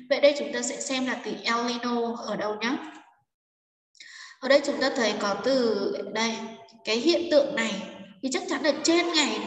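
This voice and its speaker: Woman English teacher, higher voice, step-by-step exam walkthrough, distant mic in a reverberant room. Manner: explains step by step, mixing English words into Vietnamese. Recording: echoey room, distant mic, faint noise.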